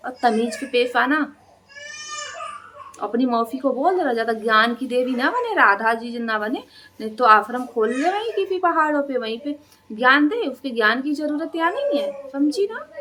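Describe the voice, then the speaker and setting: A woman talks straight into a phone for her reaction vlog, her voice pitched a little high as she taunts and scolds her rival. She keeps asking pointed rhetorical questions. A faint hiss sits under the recording. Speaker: reaction vlogger.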